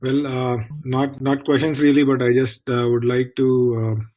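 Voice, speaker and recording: Flat-toned, earnest male analyst. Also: mid-range voice, normal speed. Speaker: regular guest analyst. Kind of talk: casual radio sports chat.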